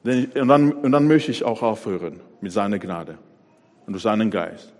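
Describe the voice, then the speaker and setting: A man preaching a sermon, pressing hard on key words, then dropping to a quiet voice. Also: on the low side, fairly even intonation, normal speed, in a large hall. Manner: emphatic, swings between loud stresses and quiet drops.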